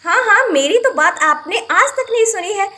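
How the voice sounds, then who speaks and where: A woman's voice: very high-pitched, expressive, normal speed, pushed and bright, full character voice. A woman voicing a tired village wife and mother who complains and scolds, in a doll-play story. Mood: scolding. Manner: complaining, nagging.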